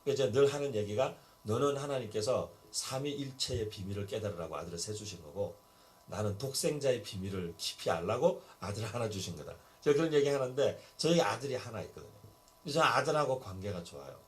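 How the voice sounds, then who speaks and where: A man's voice: fairly low pitch, animated, fast. A middle-aged male pastor preaching a sermon, telling stories and acting out Bible dialogue. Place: church basement hall.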